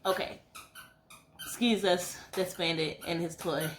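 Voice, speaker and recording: A woman's voice: fairly low pitch, a little slow, crowd noise. A woman in her late twenties co-hosting a casual home vlog, giggling and using lots of fillers. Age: 20s. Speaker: co-host. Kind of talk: casual couple Q&A chat. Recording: echoey room.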